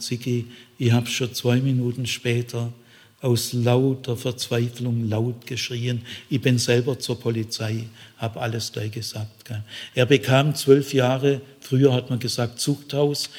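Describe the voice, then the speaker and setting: A man's voice: medium pitch, a little mellow, slightly rough. A man preaching a sermon in a folksy way, often tagging his sentences with a questioning aside. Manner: folksy, frequent tag questions. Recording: long reverb in a hall.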